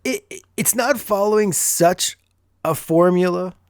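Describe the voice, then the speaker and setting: A man's voice: sits high, a little slow, clean tone, no room sound, studio quality. Chuckling man recapping on a podcast. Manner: chuckles often while recapping. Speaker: podcast co-host. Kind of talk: casual episode recap.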